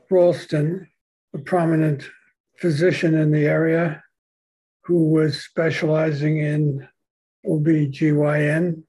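A man's voice: a little high, a little mellow, slightly rough, poor audio. An older man hosting an interview podcast, reading a scripted introduction and then asking conversational questions. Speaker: podcast host.

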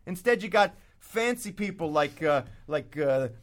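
A man's voice: sits high, expressive, unhurried. A man hosting a radio show in a brash, joking, emphatic manner. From Brooklyn. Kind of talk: radio talk and live ad reads.

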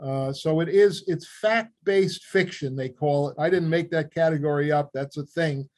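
An older man with a Queens New York accent, explaining things in a measured way as an interview guest. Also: fairly high pitch, darkish tone. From Queens, New York City, USA. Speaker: interview guest, former newspaper reporter and author. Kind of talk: conversational interview answers.

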